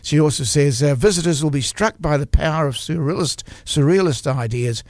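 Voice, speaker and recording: Halting New man hosting on radio. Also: a little high, a little mellow, no echo. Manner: halting, searching for words, frequent restarts. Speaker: community radio arts show host. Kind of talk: casual radio talk about art exhibitions. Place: radio studio.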